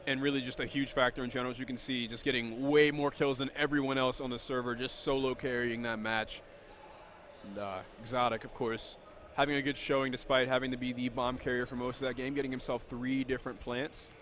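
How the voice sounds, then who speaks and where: Male esports caster, rapid energetic play-by-play, mid-pitched voice, faint background hum; live tournament commentary. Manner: fast, energetic play-by-play with self-corrections.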